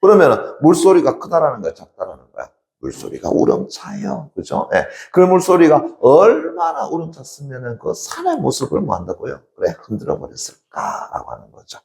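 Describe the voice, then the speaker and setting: A man's voice: a little high, wildly swooping pitch, normal speed, vocal fry, hardly any pauses, darkish tone, echoey room. A man teaching a literature class in a lecture style, asking rhetorical questions and answering them himself.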